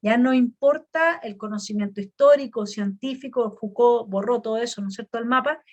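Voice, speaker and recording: High-voiced woman interviewer. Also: moderate pace. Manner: argumentative, builds a case before asking. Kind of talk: political discussion.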